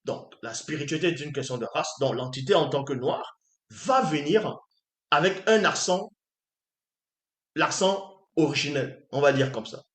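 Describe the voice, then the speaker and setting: A man's voice: on the high side, expressive, normal speed, reverberant. A man giving an emphatic spiritual teaching, often pressing his listeners with rhetorical questions. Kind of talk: preaching lecture.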